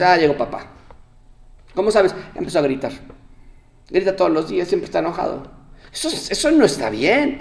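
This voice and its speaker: Male pastor, sermon, middle-aged, somewhat high voice, loud emphatic bursts then hushed reflection. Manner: swings from loud emphatic preaching to soft, quiet reflection.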